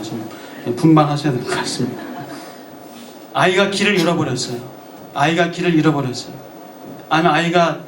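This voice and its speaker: A high-voiced male pastor preaching a sermon, heard from some distance in a roomy, echoing church. He turns to the congregation with questions and acts out the words of those he quotes. Faint ambience hangs behind him. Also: background noise. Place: church sanctuary.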